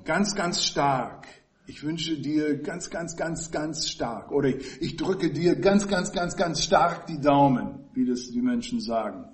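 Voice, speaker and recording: A man giving an expository Bible teaching, explaining the text in a measured way and stressing key words with pauses. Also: on the high side.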